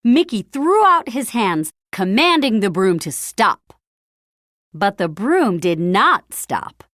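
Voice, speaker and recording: A woman's medium-pitched voice carries a children's story she narrates aloud, lively and tuneful at an unhurried, measured pace. She leans into key phrases for drama. No room echo can be heard; the sound is dry.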